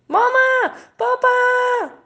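A woman voicing a frightened little girl who is lost in the woods but tries to be brave, in a storybook reading. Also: a little slow. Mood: calling out. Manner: high calling shouts, stammering.

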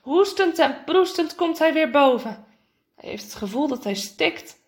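A woman reading a children's storybook aloud in a lively way, acting out the characters' lines. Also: a little slow. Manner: lively, voices the characters' lines with raised pitch. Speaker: narrator.

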